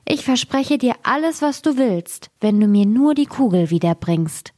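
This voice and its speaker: A woman voicing a young, spoiled fairy-tale princess who speaks in a high, plaintive voice. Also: expressive, moderate pace, darkish tone.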